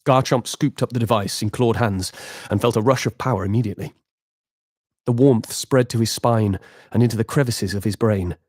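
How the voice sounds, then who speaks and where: A man narrating a game epilogue as game master, with measured, dramatic storytelling. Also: fairly low pitch, a little mellow, no room sound, studio quality.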